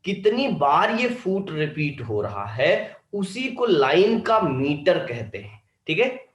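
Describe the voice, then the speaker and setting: A man's voice: fairly high pitch, sing-song, takes it slowly, a bit bright, roomy sound. A male teacher, giving an online lecture and often checking whether students have understood. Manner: keeps asking students if they understood.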